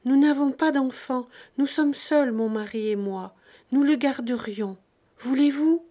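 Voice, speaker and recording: A woman's voice: sits high, measured pace, dark tone, voice pushed up. A woman voicing a spoiled, tearful young rich lady who speaks in a trembling, broken voice. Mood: pleading.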